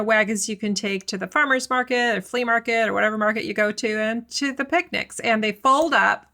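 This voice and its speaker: A middle-aged woman talks through picnic gear and dishes on a podcast in a chatty, explanatory way. Her voice sits a little high and sounds bright. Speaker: podcast co-host. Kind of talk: casual chat.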